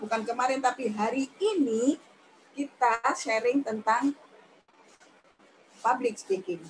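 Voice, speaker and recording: A woman teaches a radio lesson on public speaking in a chatty, demonstrative style, acting out examples in a high pitch. The audio quality is poor, with slight background noise.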